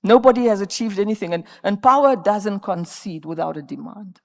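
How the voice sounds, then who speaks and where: Woman panelist in her fifties with a gravelly edge and an emphatic, rallying conference delivery. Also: mid-range voice, expressive, brisk. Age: 50s. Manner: emphatic, rallying, repeats words when searching. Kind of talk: panel discussion remarks. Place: conference stage.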